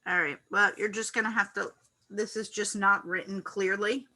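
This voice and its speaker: A woman teaching a college psychology class in a classroom, animated and acting out loud reactions as she explains. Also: medium pitch, normal speed, rough recording. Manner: animated, acts out quoted reactions loudly. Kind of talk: classroom lecture.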